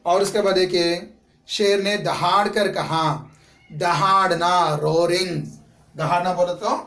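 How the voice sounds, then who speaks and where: A man's voice: high voice, fairly even intonation, takes it slowly, bright, forceful tone. A man teaching a class a story, asking questions and answering them himself, and explaining each Hindi word again in English. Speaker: school teacher. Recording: echoey room, voice from a distance.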